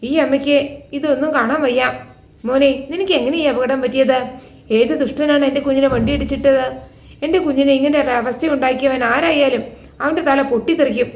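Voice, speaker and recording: A woman's voice: sits high, steady tone, a little fast, darkish tone, close to an everyday voice. A woman voicing a doting middle-aged mother who frets over her injured son, read out plainly in a storytelling recap. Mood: fretful. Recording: echoey room.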